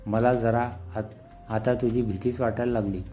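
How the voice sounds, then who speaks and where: A man voicing a proud, sensitive young woman who teaches dance, reading her lines slowly and evenly in his own dark, low-key voice. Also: level tone, close to an everyday voice. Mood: teasing.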